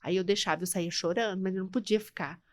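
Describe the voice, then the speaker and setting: A woman's voice: fairly low pitch, steady tone, fast talker, a little mellow. A Brazilian woman in her forties, a podcast host, telling an emotional personal story and acting out the dialogue in it. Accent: Brazilian Portuguese.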